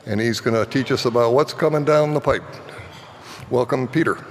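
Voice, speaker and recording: A man hosting an event, giving a plain, brief introduction of the speaker through loudspeakers. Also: mid-range voice, moderate pace, big-room sound, a little hiss or hum.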